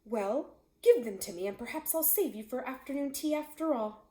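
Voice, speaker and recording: Storybook lion, played by a woman: male, vain, hot-tempered, blustering, very animated pitch, roomy sound. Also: moderate pace. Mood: eager, demanding. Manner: blustering, emphatic. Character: angry, vain male lion, fretting over mane. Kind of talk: storybook character voice. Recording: echoey room.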